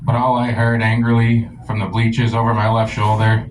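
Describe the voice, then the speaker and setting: A young man from the rural US working a comedy club stage, with a crude, deadpan storytelling style. His voice is somewhat low, and there's faint room ambience behind him. The delivery is loose and conversational. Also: normal speed, slight background noise, poor audio. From rural United States. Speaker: stand-up comedian. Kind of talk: stand-up set.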